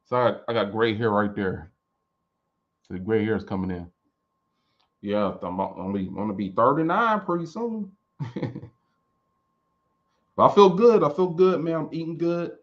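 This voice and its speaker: A music producer in his late thirties answers viewers in a casual live chat with an expressive, medium-pitched voice at normal speed. He pauses often, rambles loosely and restarts frequently, and the recording has its highs cut off.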